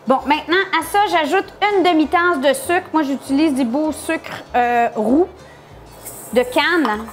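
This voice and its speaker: A woman's voice: high-pitched, a little slow, soft background music. A woman hosting a casual cooking tutorial, playful and jokey. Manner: playful, jokey, laughs often. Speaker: cooking show host.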